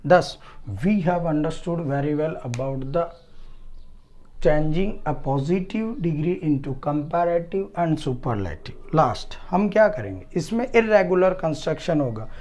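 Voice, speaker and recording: A man teaching a grammar lesson, spelling out and repeating word forms in a deliberate, dictation-like way. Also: a little high, animated, a little mellow. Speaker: English teacher. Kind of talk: grammar lesson, switching between English and Hindi.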